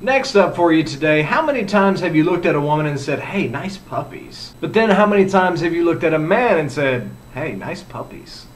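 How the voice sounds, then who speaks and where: A man hosting a comedic news roundup, reading odd stories with sarcastic, jokey asides. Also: on the high side. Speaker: news show host. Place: lives in Orlando.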